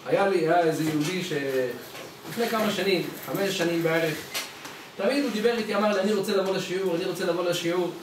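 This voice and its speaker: High-voiced rabbi telling stories in an echoey hall. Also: male voice. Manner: acts out dialogue in his stories with changing voices. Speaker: rabbi giving a weekly Torah lesson. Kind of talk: storytelling Torah lesson. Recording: echoey room, mic at a distance, faint background noise.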